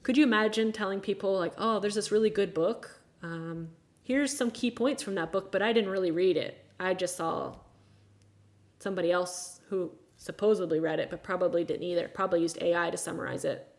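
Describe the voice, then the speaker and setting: A woman in her thirties from the United States hosts a relaxed live chat with her viewers. She speaks frankly and plainly. Her tone turns exasperated at times, with dry sarcastic asides. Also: lowish voice, brisk. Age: 30s. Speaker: livestream host.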